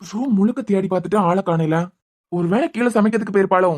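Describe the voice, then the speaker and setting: A woman with a Kanyakumari Tamil accent voicing a gruff, nagging husband in a cartoon serial, scolding and impatient. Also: mid-range voice, quick pace, a little mellow, lightly acted. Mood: puzzled, worried.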